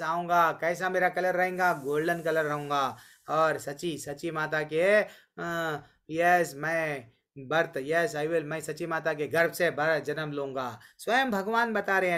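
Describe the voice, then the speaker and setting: High, bright-voiced man teaching scripture. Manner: storytelling, voices quotes of deities and sages; chants verses slowly. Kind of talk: online scripture class. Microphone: online call.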